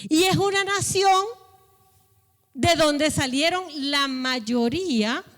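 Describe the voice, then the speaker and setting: A woman pastor delivers a sermon in a church hall, her voice sitting high and her pace measured and deliberate. She leans on rhetorical questions and now and then lifts into a raised call. Her words carry a long reverberant tail from the room. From Latin America. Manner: preaching with rhetorical questions and shouted calls.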